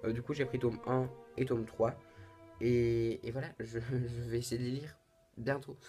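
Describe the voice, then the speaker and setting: A man's voice: medium pitch, flat delivery, moderate pace, mellow, faint music behind. A man chatting to camera about books he bought, talking in a casual and hesitant way with many restarts. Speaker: booktuber. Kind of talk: casual book haul vlog.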